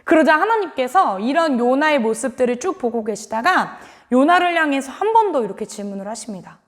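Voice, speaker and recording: A woman gives a children's sermon in a high, very lively voice that jumps up and down as she tells the story. She keeps asking her young listeners questions. Her voice rings with a long reverb through a church hall. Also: brisk. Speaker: children's Sunday school preacher.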